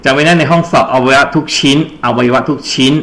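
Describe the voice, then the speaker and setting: A man's voice: medium pitch, steady tone, fast talker, sharp tone. Male tutor quizzing a class. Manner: explains step by step, quizzing students with prompts. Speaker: English tutor. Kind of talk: exam-prep grammar lesson.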